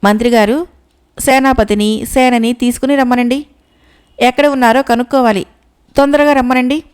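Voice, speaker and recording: A woman's voice: a little high, steady tone, moderate pace, darkish tone, smooth, natural voice. A woman voicing a foolish, whimsical, short-tempered male king who gives bossy commands in a storybook.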